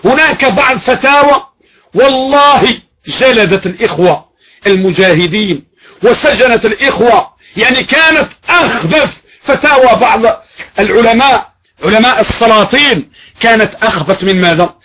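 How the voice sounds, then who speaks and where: High-voiced fiery male preacher, husky, lo-fi. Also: animated, moderate pace. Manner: emphatic, repeats phrases, rhetorical questions. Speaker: sheikh, preacher. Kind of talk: fiery religious lecture. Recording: dull lo-fi recording.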